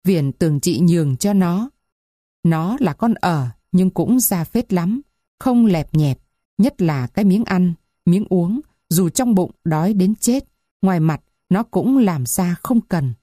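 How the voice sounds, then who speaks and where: A woman narrating a village story in a measured, expressive reading. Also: fairly low pitch, no echo, clean studio sound.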